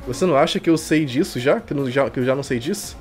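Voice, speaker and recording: A Brazilian man reads a visual novel aloud on his stream with irreverent, slangy commentary, game music in the background. He races along in a medium-pitched voice.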